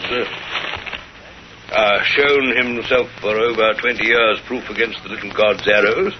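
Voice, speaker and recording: An actor playing a mild, genteel doctor, speaking in a formal, understated way in a 1930s radio drama. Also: male voice, medium pitch, close to an everyday voice. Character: mild, genteel doctor, loyal companion to the detective. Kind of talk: 1930s radio drama acting, reading aloud. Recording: noisy, muffled 1930s radio recording.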